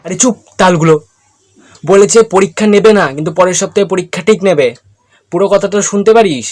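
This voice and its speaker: A man's voice: on the high side, steady tone, a little fast, slight background noise, lightly acted. A man voicing a blunt, colloquial young student in a cartoon comedy skit. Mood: exasperated. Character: exasperated young male student, deferential to teacher.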